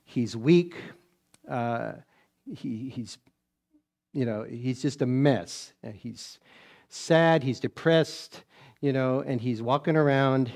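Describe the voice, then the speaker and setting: A man's voice: medium pitch, slow pace, a little mellow. Male preacher, folksy sermon storyteller who acts out the scenes. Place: church.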